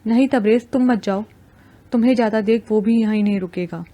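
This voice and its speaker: A woman's voice: a little high, mellow, natural voice. Anxious lovesick young woman, read by a woman narrator. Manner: hesitant, fretful.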